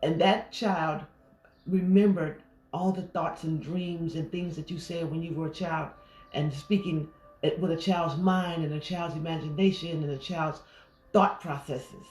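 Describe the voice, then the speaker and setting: A woman life coach giving a gentle, reflective affirmation talk, pausing often. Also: low-pitched, steady tone, faint music behind. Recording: roomy echo.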